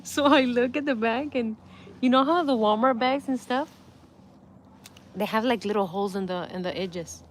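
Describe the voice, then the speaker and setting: A woman's voice: a little high, normal speed, long pauses, a little hiss or hum. A middle-aged woman hosting a livestream and telling a story to her viewers in a casual way, laughing often as she goes. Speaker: livestream host.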